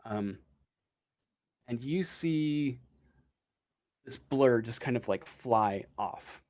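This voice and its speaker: A game master improvises a tabletop role-playing tale, his medium-pitched, slightly mellow voice expressive even as he hesitates and drags out his delivery.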